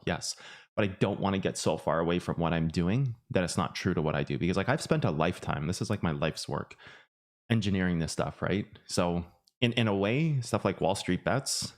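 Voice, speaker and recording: A man who hosts a finance channel, talking in a loose, rambling way with many restarts and fillers. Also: low-pitched. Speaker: finance YouTuber. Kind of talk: casual livestream chat.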